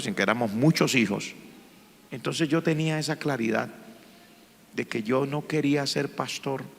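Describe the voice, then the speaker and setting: A man, a pastor, telling his testimony in a sermon, speaking with strong emotion and sudden loud swells. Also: medium pitch, vocal fry. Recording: long hall reverb.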